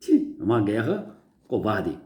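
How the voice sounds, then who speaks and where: A man, reading and preaching on religious writing, emphatic and slowing on key words, soft and quiet when closing. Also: on the low side, wildly swooping pitch. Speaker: religious teacher.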